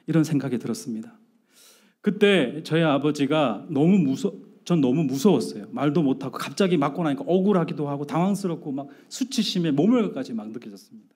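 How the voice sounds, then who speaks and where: A man's voice: on the high side, darkish tone, slightly rough. A middle-aged male pastor preaching a sermon, telling a family story with acted-out dialogue and asking the congregation questions. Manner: storytelling with acted-out dialogue, rising to emphatic outbursts.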